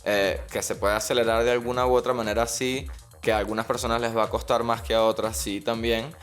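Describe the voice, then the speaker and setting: A man from Venezuela, a podcast guest, explaining his views in a reflective, drawn-out way. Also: mid-range voice, level tone, soft background music. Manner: reflective, explains at length with restarts. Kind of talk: casual chat.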